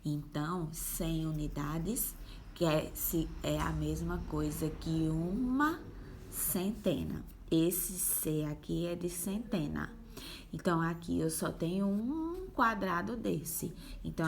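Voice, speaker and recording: Her voice is low and creaky, and she talks slowly against a little background noise. Working with young children as a primary school teacher, she goes through a worksheet with patience, one step at a time, breaking words into syllables aloud.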